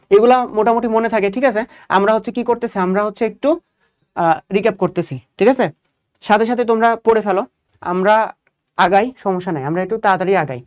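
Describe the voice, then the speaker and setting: Man quizzing students in a lecture. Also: high voice. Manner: asks the class questions, then answers them himself; repeats key points. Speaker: biology teacher. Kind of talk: exam coaching lecture.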